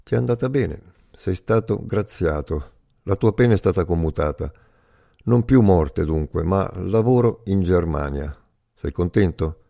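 A man voicing a male Italian interpreter who works for the occupiers, a family man speaking calmly with a faint note of irony. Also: low voice, measured pace, creaky, no echo, exaggerated voice. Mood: matter-of-fact. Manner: calm, faintly ironic, matter-of-fact.

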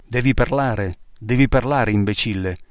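A man's voice: mid-range voice, moderate pace, clear, resonant tone, no room sound, natural voice. A man voicing a cold, sadistic police commissioner who threatens a prisoner, in a read-aloud memoir. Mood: menacing.

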